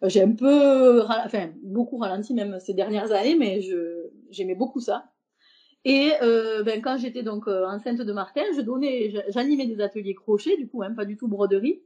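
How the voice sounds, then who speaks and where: Femme invitée à la voix douce et chaude. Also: female voice, medium pitch, normal speed, mellow, dull audio. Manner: hesitant, many fillers and restarts. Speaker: podcast guest, embroiderer. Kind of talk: casual interview talk.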